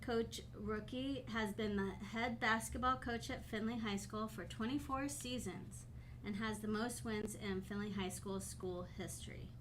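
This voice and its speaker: A woman's voice: mid-range voice, measured pace, noisy background. A woman co-hosting a podcast, reading the show's introduction and joining in the chat. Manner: reads intros, laughs easily. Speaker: podcast co-host. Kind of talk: scripted introduction and casual chat.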